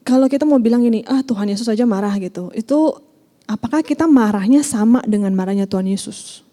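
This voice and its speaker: A woman giving a casual talk to a group, mixing English phrases into slangy speech full of fillers. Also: a little high. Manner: animated when acting out examples. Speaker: church youth leader giving a talk.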